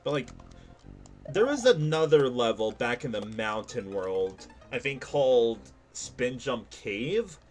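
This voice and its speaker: Man, streamer, casual game commentary, self-mocking, lively pitch. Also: takes it slowly, faint music behind. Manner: animated and self-mocking, laughs often.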